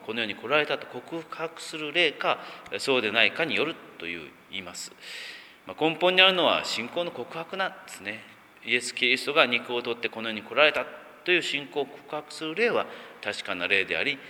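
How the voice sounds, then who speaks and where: A male pastor gives a sermon, first reading scripture in a measured way and then musing informally with frequent fillers. His voice is very bright and forward. A long reverb trails after each phrase. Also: medium pitch, a little hiss or hum.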